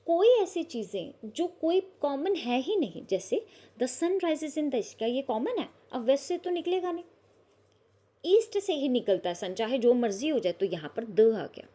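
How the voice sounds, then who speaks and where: Woman teacher, slightly high pitch, patient step-by-step grammar explanation. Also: lively intonation, warm tone. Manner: explains slowly, asks the class if they understood. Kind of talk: grammar lesson.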